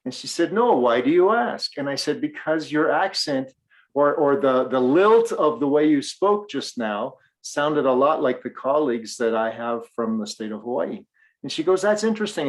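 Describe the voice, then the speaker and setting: This middle-aged co-host from Western Canada has a faint accent, a medium pitch and a moderate pace, heard on a low-quality recording. In a casual podcast chat he tells stories with animation, performing the lines of dialogue.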